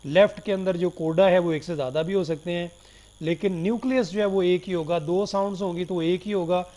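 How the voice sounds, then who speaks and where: A man lecturing on phonetics in Hindi-Urdu mixed with English terms. He reads English definitions slowly and checks in often with his students. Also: a little high, darkish tone. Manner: checks in often with "theek ho gaya". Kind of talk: recorded lecture.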